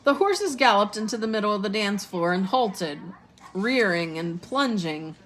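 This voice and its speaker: A woman teacher reading a storybook chapter aloud in a steady, expressive way. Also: mid-range voice, unhurried, slight background noise, rough recording.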